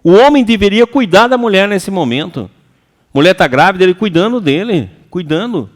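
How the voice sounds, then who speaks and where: A man with a Brazilian Portuguese accent giving a lively, colloquial seminar lecture to an audience. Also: high voice, normal speed. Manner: animated and colloquial, acts out quoted voices. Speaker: seminar speaker. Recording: reverberant hall.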